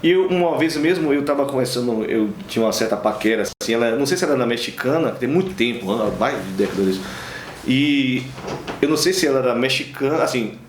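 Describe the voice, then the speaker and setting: Bahian male guest, rapid casual talk full of fillers, roomy recording with a faint hiss. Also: mid-range voice, lively intonation. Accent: Bahian Portuguese. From Brazil, Bahia. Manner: rambling anecdotes with many fillers and restarts. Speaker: interview guest, singer. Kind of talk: casual interview chat.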